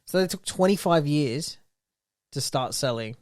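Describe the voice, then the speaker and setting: Teasing, slightly high-voiced podcast co-host man. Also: animated, a little slow, no echo, studio quality. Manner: teasing, opinionated. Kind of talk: casual chat.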